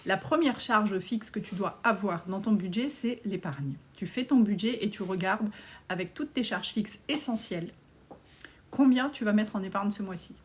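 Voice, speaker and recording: A woman in her forties hosts a live stream and answers viewer comments on budgeting. She talks bluntly and casually, with some slang, and her voice sits at an ordinary middle pitch. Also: normal speed. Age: 40s. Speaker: personal finance coach.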